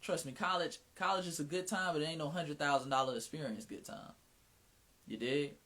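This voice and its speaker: A man's voice: fairly high pitch, a little fast, fairly bright tone. A man from Atlanta with a Southern Mississippi twang, hosting his own livestream in frank, slangy casual chat. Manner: slangy, frank, drops profanity, many restarts.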